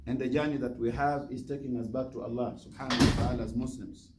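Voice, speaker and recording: Speaking quickly, with a medium pitch and steady tone, a man lectures on religion as a visiting imam. Repetition and questions directed at listeners drive his teaching, and background noise is noticeable.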